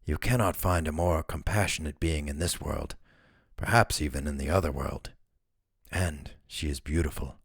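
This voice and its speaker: A man voicing a calm, gentle woman who speaks in a slow, measured way in a fantasy novel reading. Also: a bass voice, slightly rough, no echo, studio quality, full character voice. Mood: tender.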